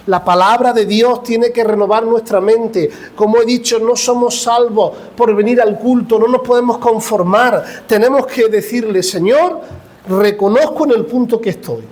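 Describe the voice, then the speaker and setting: A middle-aged pastor with an Andalusian Spanish accent, preaching an impassioned sermon in church that acts out conversations and puts questions to the congregation. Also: male voice, very high voice, moderate pace, a little mellow.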